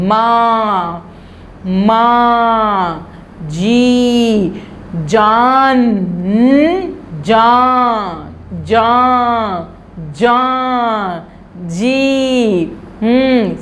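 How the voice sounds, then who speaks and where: Woman, children's teacher, fairly high voice, lively and slow, faint hiss behind. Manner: drawn-out, sounded-out words for children. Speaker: primary school Urdu teacher. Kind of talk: children's lesson, slow and expressive.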